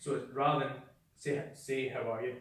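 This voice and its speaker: In an indoor room with a small group, a man delivers a sales training workshop, his medium-pitched, fairly bright voice moving at a moderate pace with little pitch variation. He is blunt and sweary and imitates people's voices, while the distant mic captures an echoey room.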